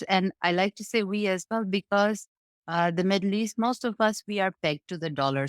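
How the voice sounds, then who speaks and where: A woman's voice: medium pitch, no echo, studio quality. A woman from Bangladesh, a guest analyst explaining the economy in a conversational interview, often checking in with "right?". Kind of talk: interview answers on markets.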